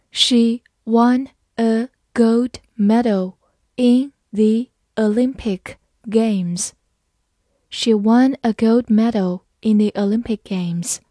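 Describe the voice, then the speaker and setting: A woman teaching English vocabulary in Chinese, spelling each word out letter by letter and reading example sentences slowly. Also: mid-range voice, dark tone, dry recording, clean studio sound. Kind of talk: vocabulary lesson.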